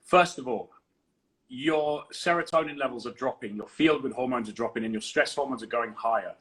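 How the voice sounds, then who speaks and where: A man's voice: medium pitch, brisk, a bit bright, low-quality recording. A man co-hosting a podcast, explaining nutrition in a confident, emphatic coaching manner. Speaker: fitness coach and podcast co-host.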